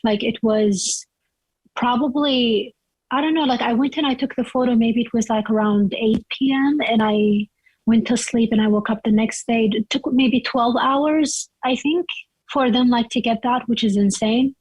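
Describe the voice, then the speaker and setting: A woman's voice: fairly high pitch, normal speed, a little mellow, husky, no echo, rough recording. A young woman from Iraq, chatting as an interview guest and telling her story loosely, with lots of "like" and "you know.".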